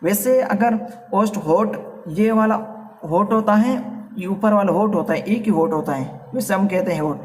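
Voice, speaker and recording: A man with a Rajasthani accent teaching a Hindi grammar class, repeating vowel sounds slowly and calling his students "beta". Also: sits high, darkish tone, distant mic.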